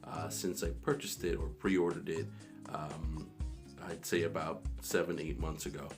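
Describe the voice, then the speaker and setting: A man's voice: extremely low pitch, level tone, unhurried. A man vlogging about tech in a rambling, casual way, recorded on a phone in a small echoey bathroom. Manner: rambling, many restarts and fillers. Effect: echoey bathroom sound. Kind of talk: casual tech talk to camera. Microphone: phone camera. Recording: echoey bathroom with background guitar music.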